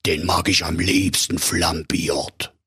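A man voicing a fearsome, gluttonous dragon in a storybook tale, slow and relishing. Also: low voice, little pitch movement, a bit bright, no room sound, clean studio sound, voice pushed down, exaggerated voice. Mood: smug. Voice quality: gravelly rasping.

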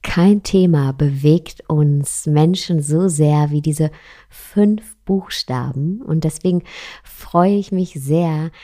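A woman telling gentle storybook tales in a soft, partly whispered voice. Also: low-pitched.

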